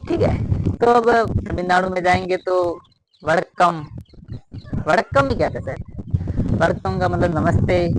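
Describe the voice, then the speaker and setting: Male teacher, high voice, casual repetitive blackboard lecture, faint room noise. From Rajasthan. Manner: repetitive, explains with many fillers.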